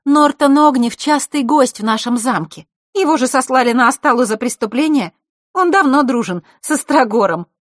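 A woman's voice: high voice, moderate pace, no echo, studio quality, pitched above the performer's own voice. Woman doing a proud, bossy magic girl. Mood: lively. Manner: sharp, bossy, snorting retorts. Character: proud, hot-tempered girl of a magic family.

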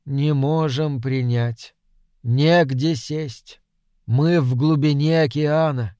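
A man voicing a faint alien voice from an undersea world, speaking very slowly and flatly. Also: on the high side, clear, resonant tone, no room sound, clean studio sound. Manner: very slow, flat, measured. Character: faint alien voice from the deep ocean.

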